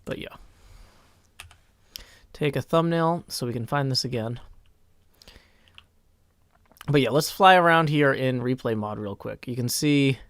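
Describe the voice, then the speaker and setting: Raspy-voiced male streamer, dry close mic. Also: medium pitch, a little slow, pauses often, no room sound. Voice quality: raspy, strained put-on character voice. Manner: rambling, chatty, talks to chat while working on a build. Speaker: livestreamer. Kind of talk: casual livestream chat, reading out viewer comments. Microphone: boom microphone.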